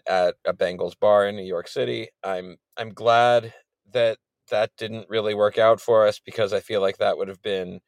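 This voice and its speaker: Male podcast host, unhurried and dry-miked, jokey and a little loopy from a late night. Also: on the low side, dry recording. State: a bit loopy from staying up late. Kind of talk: casual chat.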